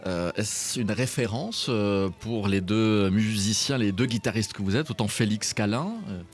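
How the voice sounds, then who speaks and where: Hesitant French-speaking radio host. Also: male voice, lowish voice, faint music behind. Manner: hesitant, many pauses, jokes about himself. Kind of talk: casual radio interview.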